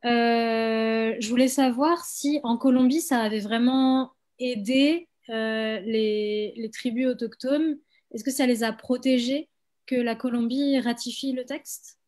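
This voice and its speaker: A woman's voice: on the high side, steady tone, takes it slowly, a little mellow. A woman participant asking a hesitant question in an online panel.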